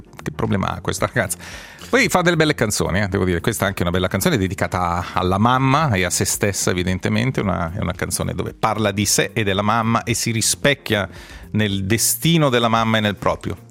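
A man hosting a radio show, talking in a chatty, opinionated way with quick asides. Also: on the low side, vocal fry, a bit bright. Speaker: radio host. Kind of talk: casual radio chat.

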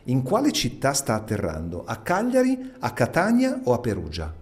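Lively male radio quiz host. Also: mid-range voice, moderate pace. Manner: teasing, encouraging, chatty. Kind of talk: playful live quiz interview.

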